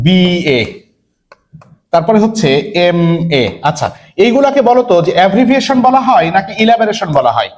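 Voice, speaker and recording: A man from Bangladesh teaching an English admission-test lesson online, who asks his students questions, answers them himself and repeats words slowly. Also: high voice, darkish tone. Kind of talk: online lecture.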